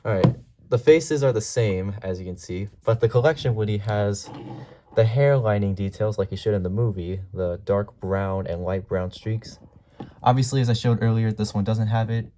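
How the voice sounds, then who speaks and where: A man's voice: lowish voice, moderate pace. A man giving a casual product comparison as a toy reviewer. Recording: mellow home recording, faint noise.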